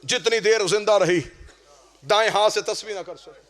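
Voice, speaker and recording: A man with a Punjabi-influenced Urdu accent preaching a mourning sermon in a mosque hall, chanting and rising into sung, shouted lament. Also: high voice, normal speed. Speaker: Shia preacher. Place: mosque hall before a congregation.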